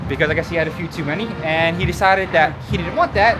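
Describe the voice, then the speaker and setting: A man's voice: on the high side, fast, music in the background. An American man hosting a vlog, chatting casually as he walks along outdoors. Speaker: vlog host. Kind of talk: casual walk-and-talk chat. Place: outdoors, walking by stadium lots. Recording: noisy outdoor recording with traffic ambience.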